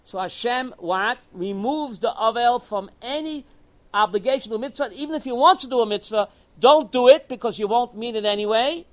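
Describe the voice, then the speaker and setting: A man with a notably high voice teaches a religious class. He talks in an animated way, repeats his key phrases and poses questions that he answers himself. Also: moderate pace.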